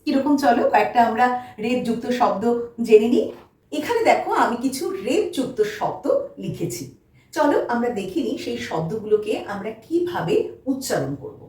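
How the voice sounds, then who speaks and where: A woman teaching a children's spelling lesson, slow and patient, repeating each word twice. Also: fairly high pitch, big pitch swings, a little mellow. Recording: echoey room, mic at a distance.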